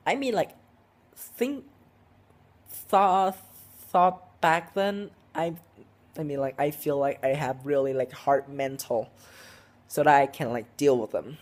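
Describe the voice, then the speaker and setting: A man's voice: a little high, slow, pauses often. Rambling teen boy. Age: teenager, 16. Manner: rambling, heavy with "like" and "um", frequent restarts. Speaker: vlogger. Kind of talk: casual storytelling vlog.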